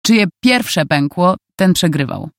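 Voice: medium pitch, expressive, slow pace, no echo, clean studio sound. Give me a smug pushy young man, as the narrator puts him on, rambling with mocking swagger. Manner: boastful, mocking.

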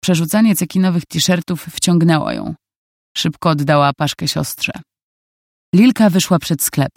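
A narrator reading a novel aloud in calm, even scripted narration. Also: mid-range voice, measured pace, creaky, no echo, studio quality.

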